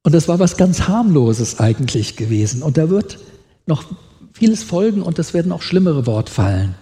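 A middle-aged man with a fairly high, warm, sing-song voice preaches at a normal speed, reading scripture with rising emotion and asking questions of the congregation. The church hall gives the recording a long reverb.

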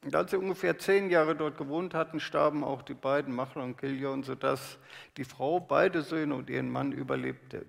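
A man preaching a sermon, reading scripture aloud slowly and with emphasis, then explaining it. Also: medium pitch, steady tone, vocal fry, big-room sound.

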